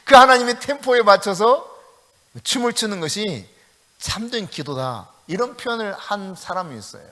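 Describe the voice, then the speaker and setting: A high, bright male voice swings widely in pitch as a middle-aged pastor from South Korea preaches at an evening prayer meeting, bursting into acted-out prayers and laughing often. His voice rings with the long reverb of a church sanctuary. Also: measured pace, pauses often. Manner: animated preaching, acts out prayers and quoted speech with rising emphasis.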